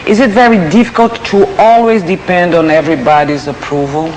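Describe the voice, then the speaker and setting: A man interviewing, halting and searching for words, with many ums. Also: high-pitched, steady tone, music in the background, rough recording. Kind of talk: interview questions.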